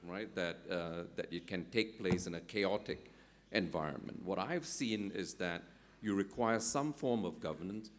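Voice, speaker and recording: Lower-voiced man with many fillers. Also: normal speed, a little hiss or hum. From Singapore. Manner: hesitant, thinks aloud, many fillers, often ends with "right?". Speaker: conference panelist. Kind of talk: panel discussion at an economic summit.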